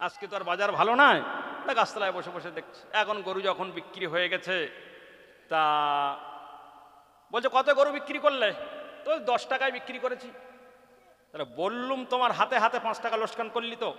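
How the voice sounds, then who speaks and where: A man's voice: high-pitched, sharp tone. A man with a West Bengal Bengali accent preaching an Islamic sermon, acting out the characters of a rustic folk tale in an emphatic, sing-song way. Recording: large reverberant hall.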